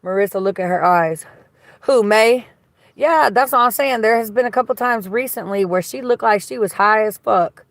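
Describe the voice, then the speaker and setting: Her voice is mid-range and a touch raspy, delivered at a moderate pace with no room sound. As a livestream host, she chats loosely and reads out viewer comments in a gossipy, blunt style packed with profanity.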